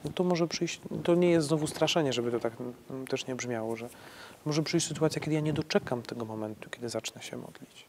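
A man's voice: mid-range voice, slight background noise. A man, a priest, answering questions on faith in a conversational way, restarting his sentences and often ending them with a tag question. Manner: conversational, halting restarts, frequent tag "nie?".

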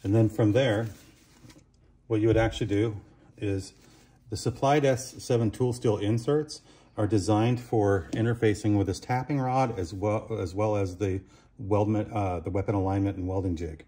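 A man with a mellow, fairly low voice speaks at a moderate pace as he demonstrates a workshop tool step by step. He keeps it plain, recording on a camera mic inside a small concrete booth.

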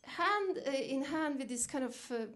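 A woman's voice: sits high, lively intonation, a little slow, a bit bright. A middle-aged woman from Norway, giving a reflective storytelling dinner keynote, lifting her voice when she quotes herself. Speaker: keynote speaker.

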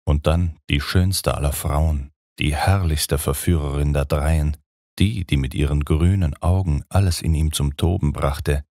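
Male audiobook narrator, extremely deep voice, dry close sound, dramatic measured reading. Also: fairly even intonation, warm tone, no echo.

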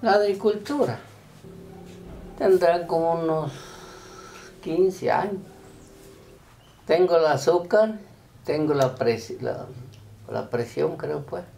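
An older man from Chiapas with a Chiapas Mexican Spanish accent, telling his story slowly and haltingly in a documentary interview. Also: a little high, lively intonation, creaky, warm tone, a little hiss or hum. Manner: slow, halting storytelling with many restarts. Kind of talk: documentary testimony.

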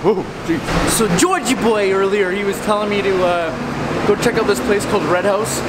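Young male vlogger, upbeat and self-mocking, handheld camera outdoors, heavy city noise. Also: high voice. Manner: excitable, upbeat, laughs at himself. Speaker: travel vlogger. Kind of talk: casual travel vlog. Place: busy city streets at night, outdoors. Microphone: handheld camera at arm's length. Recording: loud city street noise. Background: loud street noise.

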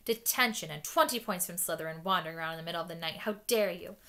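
A woman's voice: on the low side, quick pace. A woman reading aloud voices a stern older female professor scolding a pupil. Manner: sharp scolding.

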